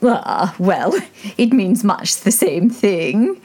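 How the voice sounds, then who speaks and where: Woman doing a slow, drawling old duchess, preachy and pompous, husky edge, sing-song. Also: medium pitch, very animated, a little mellow. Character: fussy old woman, a duchess fond of morals.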